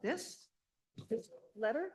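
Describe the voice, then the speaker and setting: A woman's voice: fairly high pitch, animated, slow, breathy edge. A woman chairing a town committee meeting, running votes and agenda items in an informal, chatty way.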